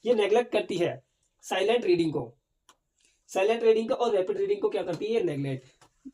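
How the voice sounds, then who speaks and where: This exam-prep lecturer is a man with a high-pitched, dark-toned voice and lively intonation. He answers his own questions, slowly reads out points in English, and repeatedly slips in "theek hai na".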